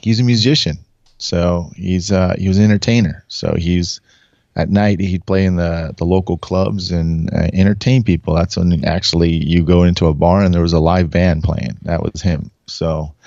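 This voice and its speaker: A man's voice: sits low, vocal fry, mellow, no room sound, dull audio. A man in his forties from Southern California, a podcast guest who rambles through stories, laughs often and acts out what people said. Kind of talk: casual storytelling.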